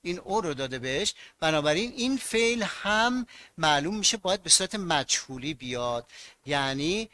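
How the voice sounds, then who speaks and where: Bright-voiced man teaching a class. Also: on the high side, expressive, dry recording. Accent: Mashhad. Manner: explains patiently, asks students questions and answers them himself. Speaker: Arabic grammar teacher. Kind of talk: online class lecture.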